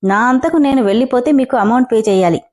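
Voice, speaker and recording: A bold young heroine who talks back to her boss with cheeky, drawn-out mockery, as a woman reading the story plays her. Her voice is soft and mellow but fairly high, and it keeps a teasing bite. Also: natural voice. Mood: defiant mocking. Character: defiant sharp-tongued young woman employee.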